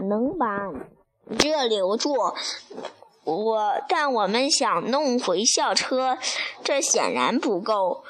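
A woman reading a children's picture book aloud, haltingly, often stopping to restart and correct a word. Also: fairly high pitch, fairly bright tone, a little hiss or hum. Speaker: storybook reader.

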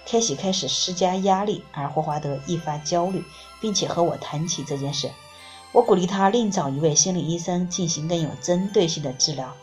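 A woman narrating a book in the first person, reading in a calm, measured way. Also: on the low side, faint music behind. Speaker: audiobook reader.

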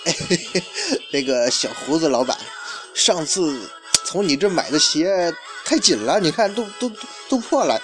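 A man's voice: a little high, big pitch swings, moderate pace, music in the background. A man voicing a cocky teenage male basketball player who teases a shopkeeper with a smug grin, in a storytelling retelling. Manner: teasing, smug.

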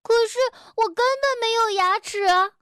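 A woman voicing a kind, loyal young male animal friend in a children's storybook, gentle and curious. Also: very high-pitched, moderate pace, no room sound, clean studio sound, pitched above the performer's own voice.

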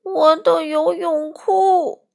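A woman doing a shrill whiny little frog boy. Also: steady tone, slow pace, fairly bright tone. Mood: shrill insistent. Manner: shrill, crying out and pleading. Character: small scared young male frog, whiny.

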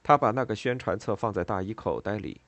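A man narrating an audiobook novel in an expressive, steady storytelling manner. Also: lowish voice, fairly quick, no echo.

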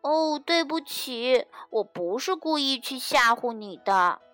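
A woman voicing a mischievous young male bunny who loves to shout and jump out at friends, for a children's storybook. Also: sits high, lively intonation, slow, faint music behind, exaggerated voice. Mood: sorry, sniffly. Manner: bouncy, shouting with glee.

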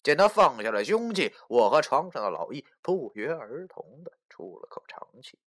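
A man narrating a novel dramatically, shifting between hushed whispers and loud outbursts. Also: mid-range voice, big pitch swings, moderate pace. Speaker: audiobook narrator. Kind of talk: dramatic storytelling.

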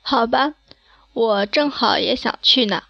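A woman's voice: a little high, unhurried, vocal fry, sharp tone, breathy edge, no room sound, muffled recording, heavily acted. A woman voicing a caring schoolgirl friend who gets annoyed easily and speaks in a plain way. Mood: friendly. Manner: plain, slightly peeved.

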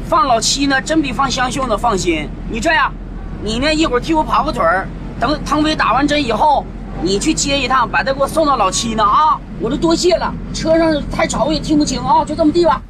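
A pushy older villager on the bus. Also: male voice, extremely high pitch, animated, background noise. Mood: pleading. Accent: Northeastern Mandarin. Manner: impatient, nagging, quick to complain. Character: fussy impatient village father, man. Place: inside a moving bus.

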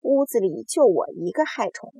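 A woman voicing a boastful, cheeky male giant centipede in a storybook reading, bragging and teasing loudly. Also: medium pitch, expressive, normal speed, vocal fry, slightly rough, no room sound.

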